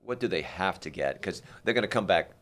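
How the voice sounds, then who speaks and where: A man's voice: low-pitched, animated, brisk, a bit bright. A man hosting a talk show, chatting with his guests in an upbeat, playful way. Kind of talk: casual interview chat.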